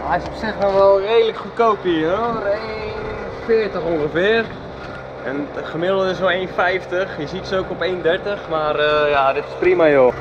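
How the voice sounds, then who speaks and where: A man's voice: high-pitched, normal speed, dull audio, background noise. A young man talking casually to viewers on a travel vlog, chatty and upbeat, adding playful mouth sound effects, recorded on a handheld camera in a car and outdoors. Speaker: vlogger. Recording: background music under the voice.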